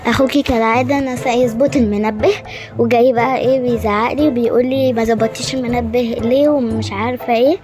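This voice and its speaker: A woman's voice: a little high, fairly even intonation, fast, natural voice. A woman with an Egyptian accent playing a bossy, fussing mother of three in a homemade family role-play drama. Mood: complaining. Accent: Egyptian Arabic. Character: busy scolding mother of three kids. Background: background music.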